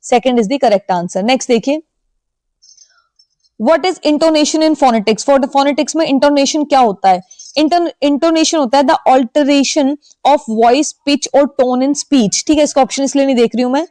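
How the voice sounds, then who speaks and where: A woman teacher, reading English exam questions slowly and then explaining them quickly in Hindi. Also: high-pitched, a little mellow, no echo. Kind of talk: exam-prep lesson.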